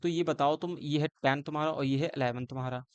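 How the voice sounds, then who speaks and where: Man, exam-coaching teacher, slightly high pitch, dry close sound, asks and answers his own questions. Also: steady tone, a little fast, smooth, no room sound, dull audio. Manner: explains with repeated questions and answers; switches between Hindi and English phrases. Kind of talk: exam-prep lecture.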